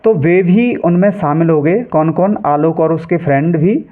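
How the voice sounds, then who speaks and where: A man teaching an English reading lesson. He reads each English phrase slowly, word by word, then explains it in Hindi. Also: on the high side. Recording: tinny phone-like sound.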